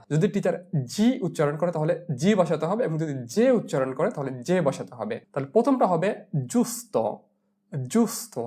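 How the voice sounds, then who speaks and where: A man teaching a language lesson, spelling each word letter by letter and repeating it slowly. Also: a little high, a little mellow. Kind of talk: classroom lesson explaining pronunciation.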